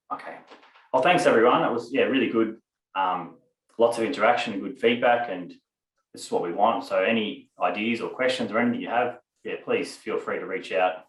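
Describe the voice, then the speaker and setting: A man leads a community conference call in a relaxed, inviting way, dropping loose fillers as he talks. His fairly low voice comes over the call from some distance. The room around him sounds roomy and echoey. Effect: conference call audio. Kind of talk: casual conference call chat.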